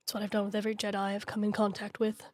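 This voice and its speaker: A woman voicing a hardened, bitter male clone soldier in a tabletop role-play, reaching for a gravelly voice that drops to whispers. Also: monotone, rapid-fire, close to an everyday voice. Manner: tries a gravelly low voice, slips into whispers.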